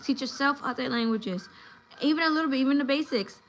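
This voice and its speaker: A woman's voice: sits high, quick pace, slight background noise, poor audio. A woman in her thirties from New York, chatting casually on a home livestream and giving advice to her viewers. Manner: chatty, advice-giving, acts out voices in anecdotes. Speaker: livestream host.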